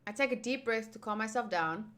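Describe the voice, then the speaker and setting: Her pitch is fairly high and her tone fairly bright as she moves at a fairly quick clip. She's a streamer playing through a visual novel, voicing the game text and interrupting herself with playful, chatty commentary.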